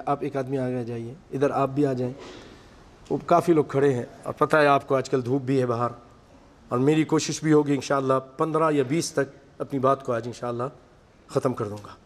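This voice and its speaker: A man preaching a sermon to a seated congregation, reciting Arabic passages and then explaining them in vivid storytelling. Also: mid-range voice. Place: mosque hall with seated congregation. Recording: long echoey hall reverb.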